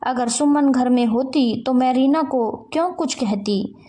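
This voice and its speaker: A woman voicing a worried, patient middle-aged mother-in-law who gently pleads with her daughter-in-law. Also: high-pitched, a little slow.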